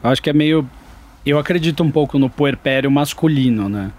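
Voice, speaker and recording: A man, a guest on a chat show, talking candidly in a relaxed, rambling way with slang. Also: on the high side, brisk. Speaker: podcast guest, father. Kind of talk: casual chat.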